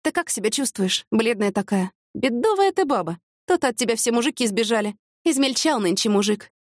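A woman's voice: a little high, expressive, a little fast, no room sound, studio quality, pitched above the performer's own voice. A woman voicing a blunt, tipsy older widow. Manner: blunt, earthy.

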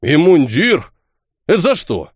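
A man voicing a blunt bearded peasant, a former sergeant, who speaks in a rough village dialect. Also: on the high side, huge pitch swings, measured pace, dry recording, studio quality, voice pushed up, exaggerated voice. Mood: indignant.

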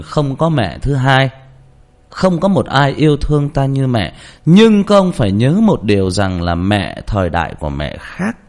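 A man giving blunt, coarse advice to listeners in a casual, rambling way, often repeating words. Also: medium pitch.

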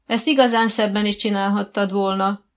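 A woman voicing a stern, middle-aged schoolteacher who speaks loudly and critically. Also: medium pitch, natural voice. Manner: loud, sharp, critical.

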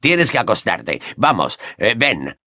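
A gruff, insistent grown man, as a male narrator puts him on, coaxing yet commanding. The voice is bright and forceful with a very lively pitch. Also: takes it slowly, heavily acted.

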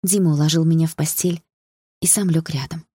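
A woman narrating an audiobook in an even, measured storytelling voice. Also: low voice, husky, no room sound, studio quality. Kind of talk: scripted narration.

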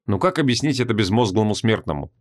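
A man reading a fantasy audiobook in an even, measured narration. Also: fairly low pitch.

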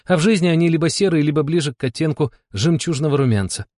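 A man voicing a quirky, gentle young woman who patiently explains trivia. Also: on the high side, fast, no room sound, clean studio sound, pitched above the performer's own voice. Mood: earnest explaining. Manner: calm, explaining, pedantic.

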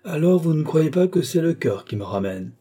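A man's voice: medium pitch, moderate pace, dark tone, breathy edge. A man voicing a witty, aging duke in an audiobook, mocking and theatrical in his banter. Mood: mock protest. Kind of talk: audiobook character voice.

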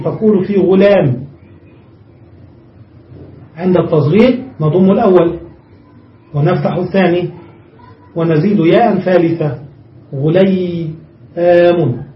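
A man teaching an Arabic grammar lesson, reading from a text and explaining it step by step, repeating examples slowly. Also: sits high. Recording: muffled, echoey room, mic far off.

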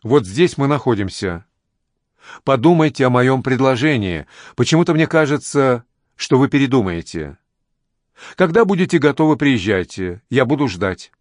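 A man reading as a mysterious stranger with a smooth, coaxing manner, flattering his listener and pressing an offer in a storybook. His voice sits at a middle pitch and sounds close and dry, with no room around it. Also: moderate pace, no room sound, natural voice. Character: smooth persuasive mysterious male recruiter.

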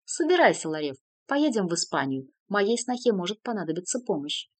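A woman's voice: mid-range voice, very animated, brisk, no echo. A woman voicing a firm, commanding noble mother, a sly countess.

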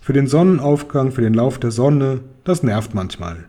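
A man's voice: mid-range voice, animated, fairly quick, mellow, breathy edge. A man voicing a pompous, grumpy pharaoh ruler in a children's audiobook, haughty and commanding.

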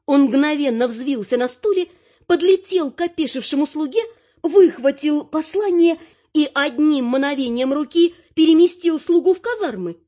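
A woman narrating a fantasy audiobook with even, expressive storytelling. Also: sits high, moderate pace, muffled recording.

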